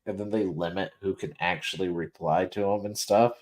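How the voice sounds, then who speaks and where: Laughing man with a low voice, tired. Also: fairly even intonation, normal speed. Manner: joking, laughing often, trailing restarts. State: tired, yawning. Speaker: podcast host. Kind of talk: casual livestream chat.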